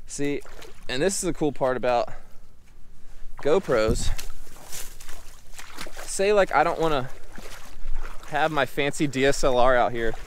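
A man's voice: medium pitch, measured pace, long pauses. Informal young man vlogging outdoors. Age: 20s. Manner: informal, slangy. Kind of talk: casual product review to camera. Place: outdoors, backyard and woods. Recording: faint outdoor background noise.

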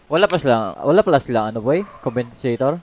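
A young man from the Philippines, a gaming streamer, chatting casually and shouting excited callouts while he plays. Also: medium pitch, fast. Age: 20s. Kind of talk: casual gameplay chat.

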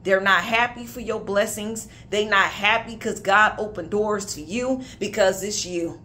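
A woman's voice: mid-range voice, a little slow, bright, forceful tone, slight background noise. A woman, preaching a prophetic sermon with emphatic conviction and casual asides. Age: 30s. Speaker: minister.

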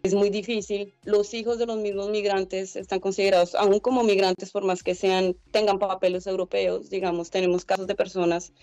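Speaking at a normal pace with few pauses, she has a medium-pitched, flat, slightly mellow voice, with no echo and faint music behind her. She is a young Colombian woman leading a migrant organization, interviewed as a guest over a video call from a room at home via laptop webcam. Her answers are earnest and explanatory, full of "eh" and "pues."

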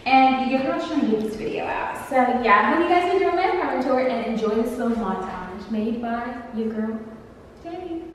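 Bubbly and playful, a vlogger in her early twenties chats at a normal speed while giving a casual tour of an empty apartment. Her fairly high voice rings off the bare walls with a long, hollow echo. A handheld camera mic held at a distance picks up a steady hiss.

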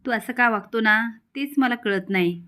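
A woman's voice: on the high side, moderate pace, pushed and bright. A woman narrator reading the lines of an irritable young woman who snaps at her brother. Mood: irritated. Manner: snappish, exasperated.

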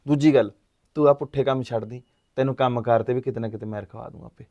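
A calm kidnapped man , played by a man reasons, coaxing and steady. His dark-toned voice comes through on slightly dull audio. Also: medium pitch, fast talker, natural voice. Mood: persuasive. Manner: coaxing, reasoning, frequent hums of agreement. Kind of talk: short film drama acting.

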